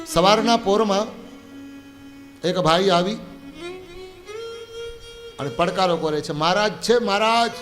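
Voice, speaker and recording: A man telling a religious story as a sermon, acting out the dialogue in lively voices. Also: sits high. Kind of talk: Gujarati katha sermon. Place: spiritual gathering.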